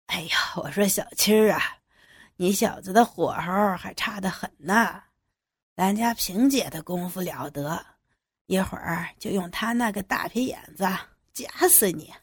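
A woman's voice: mid-range voice, unhurried, breathy edge, no room sound, studio quality. A woman voicing a sly, leering old man who talks in a teasing drawl.

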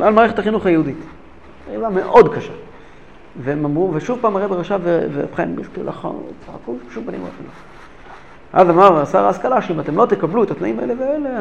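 A man teaching a religious lesson who tells stories with animated, repeated phrases for emphasis. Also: sits high, creaky. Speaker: rabbi teacher. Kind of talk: lesson storytelling.

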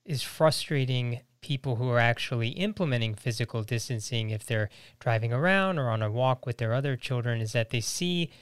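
A man with a smooth, resonant voice asks earnest, measured questions as an interviewer. His voice sounds dry and close, with a mid-range pitch. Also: dry recording.

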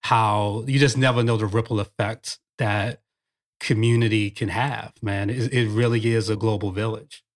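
A man's voice: on the low side, steady tone, moderate pace. Enthusiastic male podcast co-host. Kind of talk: casual chat.

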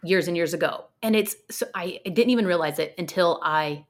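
Fast-talking woman doctor, fired up. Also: lowish voice. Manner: passionate, fast-talking explainer. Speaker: sports medicine physician, guest. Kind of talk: podcast interview.

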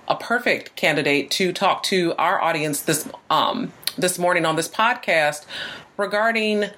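A woman's voice: low-pitched, a bit bright. A woman hosting a podcast interview, affirming her guest and asking long questions with fillers like um and you know. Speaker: podcast host.

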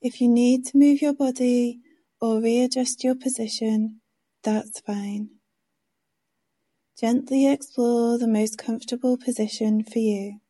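A woman guides a meditation in a soft, hushed and soothing voice. Her tone is very mellow and rounded, sitting a little high. She gives each gentle instruction slowly, leaving room between phrases. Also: fairly even intonation. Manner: slow, gentle instructions with pauses.

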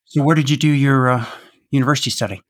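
A man hosting an interview, reading a formal introduction and asking questions in a measured way. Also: mid-range voice, fairly even intonation. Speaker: podcast host.

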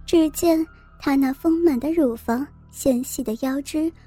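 A woman reading a scripted story as narrator, in a steady, even manner. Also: sits high, measured pace. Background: faint music.

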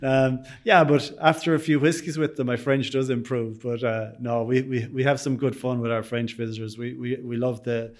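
A man's voice: medium pitch, little pitch movement, normal speed, hardly any pauses. A man with a west of Ireland accent gives chatty, rambling interview answers as a bakery owner, often saying "you know". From Sligo, west of Ireland.

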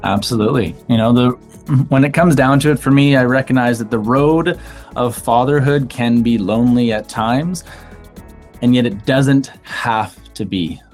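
A man's voice: medium pitch, moderate pace, darkish tone, faint music behind. A man co-hosting a podcast, speaking earnestly and reflectively about fatherhood, telling a personal story. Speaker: podcast co-host. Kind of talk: earnest podcast intro talk.

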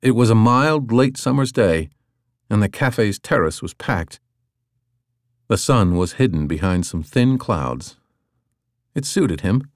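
A man narrating an audiobook in an even, clear storytelling manner. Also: lowish voice, takes it slowly, pauses often, dry recording, clean studio sound. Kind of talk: scripted narration.

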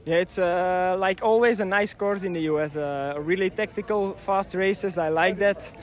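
A man's voice: high voice, normal speed. A man from Belgium with a Belgian accent, giving casual interview answers as a bike racer in hesitant non-native English. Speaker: race winner being interviewed.

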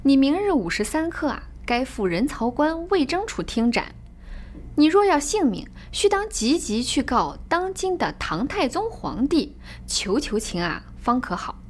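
A woman's voice: high-pitched, big pitch swings, a little hiss or hum. A woman doing a cool, scornful fortune-teller. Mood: calm. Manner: cool, mocking, slow-spoken. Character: calm, scornful old male fortune-teller.

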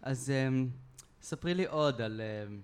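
A man hosts a podcast interview and keeps slipping in playful jokes and side stories. His voice sits at an ordinary middle pitch and has a relaxed, easygoing manner. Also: smooth. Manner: joking, playful asides. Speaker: podcast host.

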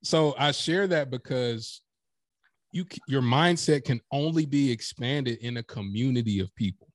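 Guesting on a podcast, this professional speaker tells emphatic, animated stories in a casual interview, performing the quotes he cites to drive his points home. He has a mid-range voice at a moderate pace, recorded cleanly in a studio without echo.

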